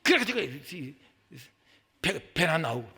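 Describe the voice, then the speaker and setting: A middle-aged man preaching a sermon as senior pastor in a church, swinging from loud outbursts to soft, hushed asides and acting out the people he quotes. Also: a little high, big pitch swings, unhurried, vocal fry, husky. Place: church sanctuary.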